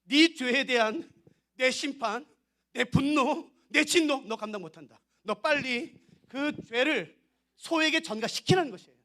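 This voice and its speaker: A man voicing God within a sermon, speaking slowly, low and gravely as he refuses to slay the sinner. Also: lively intonation, bright, forceful tone, exaggerated voice.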